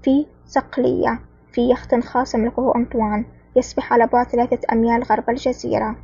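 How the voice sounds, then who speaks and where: A woman's voice: a little high, little pitch movement, very fast, warm tone, husky, muffled recording. A woman reading the lines of a proud, commanding male mafia boss in an audiobook. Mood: drowsy. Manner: drowsy when drugged, else commanding.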